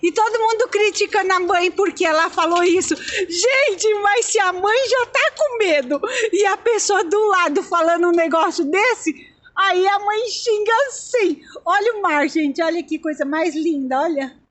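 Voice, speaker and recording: A woman's voice: extremely high pitch, a little slow, fairly bright tone. A woman vlogging casually from a phone on an open cable car outdoors, chatty, nervous and exclaiming. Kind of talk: casual vlog narration. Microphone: handheld phone.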